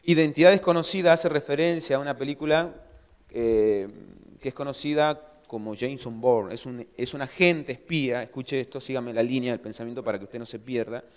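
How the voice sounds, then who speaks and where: A man preaching a sermon as pastor, telling stories in a lively way and acting out his own shouts. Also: mid-range voice, fairly quick, smooth. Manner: animated storytelling, acts out his own shouting. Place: church hall. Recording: long church hall reverb.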